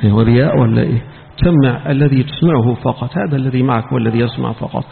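A rapid-talking Egyptian sheikh with a gravelly edge teaches scripture commentary, jumping from formal preaching into sharp everyday rebukes. His voice comes through a tinny, phone-like recording with a long hall echo and faint hiss behind it. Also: mid-range voice. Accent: Egyptian Arabic. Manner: switches from formal preaching to scolding colloquial asides. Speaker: sheikh giving Quran commentary. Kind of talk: mosque lesson on scripture.

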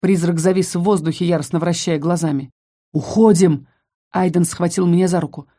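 A woman reading a first-person fantasy novel aloud in an expressive, dramatic way. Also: on the low side, fast talker. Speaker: audiobook narrator.

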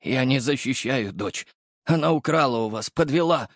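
A man's voice: medium pitch, lively intonation, moderate pace, no echo, clean studio sound. A man voicing a meek middle-aged alchemist and father who pleads and rages emotionally. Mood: pleading.

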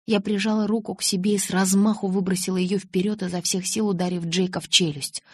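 A woman narrating an audiobook in an expressive storytelling manner, close to the mic. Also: mid-range voice, fast, husky, no room sound.

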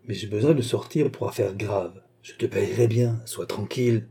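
A man's voice: on the low side, fairly even intonation, normal speed, vocal fry, warm tone, husky. Man doing a frightened man pleading to get out. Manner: pleading, indignant.

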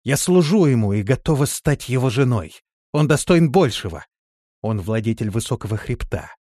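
Guy doing a bossy elf warrior lady, sharp and ringing, dry sound. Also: medium pitch, animated, moderate pace, no echo, voice pushed up, lightly acted. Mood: fierce. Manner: sharp, commanding. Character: stern proud female elf warrior commander. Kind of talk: audiobook character voice.

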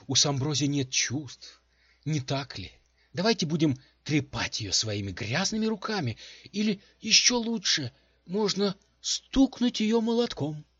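A man voicing a touchy, sarcastic magic ring that speaks as a female, in a husky voice on a dull home recording. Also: mid-range voice, lively intonation, very slow, dry recording, voice pushed up, heavily acted.

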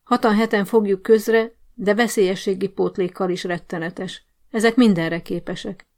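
A woman's voice: medium pitch, steady tone, a little mellow, lightly acted. A woman voicing a bossy, scheming male prison sergeant-major who barks orders at a guard in an audiobook story. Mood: commanding. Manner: commanding, barking orders.

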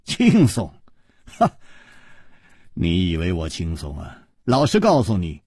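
A man doing a wry, calm swordsman hero. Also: medium pitch, a little slow, breathy edge, no echo, studio quality, full character voice.

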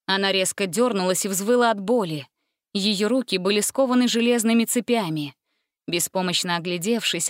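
A woman narrating a fairy-tale storybook with a lively, expressive reading. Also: medium pitch, no echo, studio quality.

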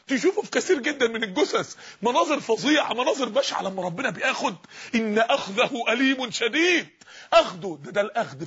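A fervent male preacher with an Egyptian Arabic accent, whose husky voice sits unusually high. He pours out rhetorical questions in a fast rush, and the recording sounds dull and lo-fi. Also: fairly bright tone. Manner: fervent, rising and pleading, repeats rhetorical questions. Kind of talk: sermon.

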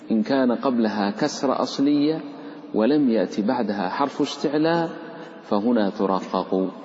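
Man teaching recitation rules in a live class, chanting verse examples and quizzing students; echoey hall, dull low-fi sound. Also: a little hiss or hum. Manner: explains rules, then chants the Quranic examples; lively, questions and teases the students. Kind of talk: live tajweed lesson.

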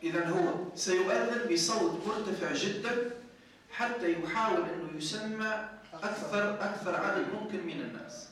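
A man's voice: sits high, normal speed, a bit bright, a little hiss or hum. A man teaching a jurisprudence lesson, explaining step by step and often asking his students whether they follow. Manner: explains step by step, checks understanding with "clear?". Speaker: sheikh teaching Maliki jurisprudence. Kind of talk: classroom lesson with questions. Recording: echoey room, mic at a distance.

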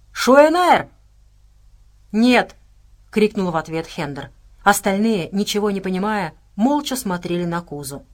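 A woman narrating an audiobook in a steady, measured way. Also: lowish voice. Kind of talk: scripted narration.

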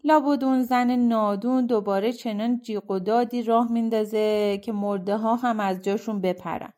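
Storybook figure: woman voicing a confused, muttering man, lightly raised pitch. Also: fairly even intonation, mellow, lightly acted. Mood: bewildered. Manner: stammering, muttering to himself. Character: bewildered man waking from long sleep.

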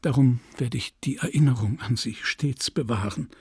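A man voicing a smooth-talking gentleman seducer, soft and pleading, in an audiobook reading. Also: mid-range voice, normal speed, no room sound, studio quality.

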